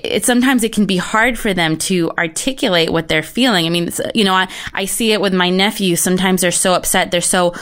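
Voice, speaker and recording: A woman's voice: lowish voice, a bit bright, smooth. A woman hosting an online summit, interviewing an expert with affirming follow-up questions.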